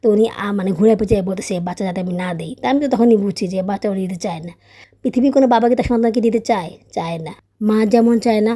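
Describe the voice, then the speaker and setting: A woman in her young adult years narrating her daily vlog as a voice-over, quick and chatty, with a soft, mellow tone. She tells her family story in a casual, personal way and keeps checking in with her listeners. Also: medium pitch. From Bangladesh. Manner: chatty, storytelling, often adds tag questions; raised, scolding teacher voice when tutoring her child. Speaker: vlogger, mother.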